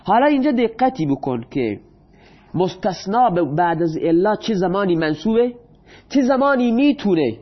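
A man teaches a grammar lesson with a high-pitched voice. He puts questions to the class and answers them himself, and he reads the example sentences out slowly. The recording sounds dull and muffled. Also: big pitch swings. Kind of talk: explaining Arabic grammar in Persian.

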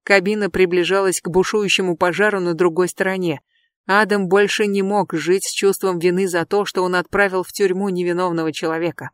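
Steady thriller audiobook narrator. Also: mid-range voice, a little fast, no room sound, studio quality.

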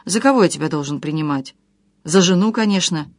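A woman reading the part of a pushy, impatient young man who talks to his fiancée in an insistent, hurried way. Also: on the low side, lively intonation, a little mellow, no room sound, clean studio sound.

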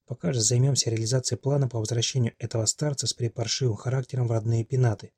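A man's voice: mid-range voice, steady tone, fast talker, warm tone, husky, no room sound. Man reading a haughty, sardonic princess. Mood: curt. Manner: dry, curt, sardonic. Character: cold, haughty young woman, a cursed princess.

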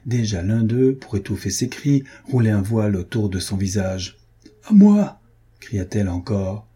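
Male audiobook narrator, steady measured reading, husky breathy voice, dark tone. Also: fairly low pitch. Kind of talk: scripted narration of a historical novel.

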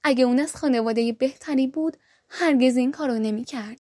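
A woman's voice: high-pitched, a little mellow, no echo, clean studio sound. A woman reading the lines of a proud, harsh merchant prince in a storybook, stern and scolding.

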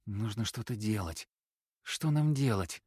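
A man's voice: mid-range voice, big pitch swings, a little slow, dry recording, clean studio sound. A man voicing a frightened young woman who mutters anxiously.

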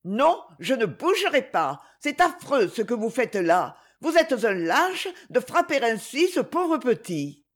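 Woman reader as a brave young orphan girl, high, earnest, expressive. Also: unhurried, few pauses. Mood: indignant. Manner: pleading, then fiercely indignant.

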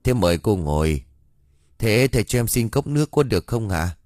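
A man's voice: lowish voice, sing-song, normal speed, no echo, clean studio sound. A man reading a polite young city woman. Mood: pleading. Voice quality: soft, polite, deferential.

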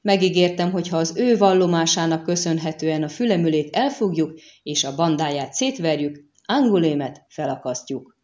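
A woman reading an audiobook and voicing a stern, calculating middle-aged male prefect who speaks with measured contempt. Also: low-pitched, animated, a little mellow, highs cut off. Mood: explaining.

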